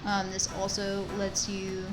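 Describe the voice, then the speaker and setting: A woman's voice: mid-range voice, monotone, measured pace, low-quality recording. A woman giving casual, self-deprecating commentary while she plays a video game, chatting to the characters. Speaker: gamer commentating a playthrough. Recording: game music behind voice. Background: video game music.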